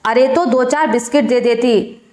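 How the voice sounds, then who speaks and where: A woman's voice: fairly high pitch, normal speed, lightly acted. A woman voicing a stern older mother-in-law who scolds sharply and nags, in a spoken moral story. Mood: scolding. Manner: sharp, nagging. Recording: roomy echo.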